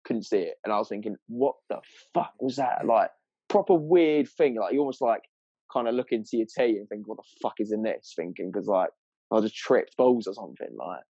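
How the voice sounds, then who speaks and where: A man's voice: on the low side, expressive, fairly quick, mellow, slightly rough, dry recording, dull audio. A man with a southern English accent telling anecdotes in casual, sweary, slangy chat, rambling along in a matey way.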